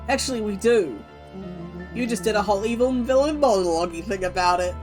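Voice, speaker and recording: A woman's voice: medium pitch, expressive, a little fast, darkish tone, soft background music, lightly acted. Woman as a cheeky, flippant game kid. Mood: mocking. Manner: casual, flippant. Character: cheeky, irreverent young kid, mocking the villain.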